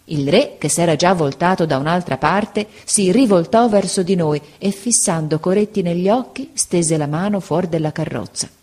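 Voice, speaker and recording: Brief: female audiobook narrator, lowish voice, vivid expressive scripted reading. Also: normal speed, hardly any pauses.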